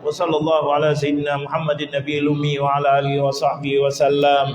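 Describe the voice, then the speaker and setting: A man's voice: a little high, completely flat delivery, very fast, muffled recording. A man preaching, asking rhetorical questions and chanting prayers. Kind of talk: mosque study sermon and prayer. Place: large mosque hall. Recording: echoey hall with long reverb.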